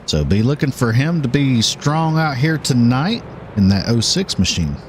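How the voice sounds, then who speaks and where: A man calling a live race as play-by-play commentator, with an animated delivery and occasional filler pauses. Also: mid-range voice, slight background noise.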